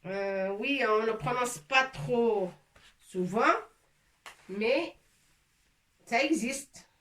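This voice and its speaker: A woman's voice: fairly high pitch, extremely slow, a bit bright. A woman teaching an Arabic lesson to a class in French, patiently repeating sounds and mixing in Arabic words. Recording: echoey room, from a distance.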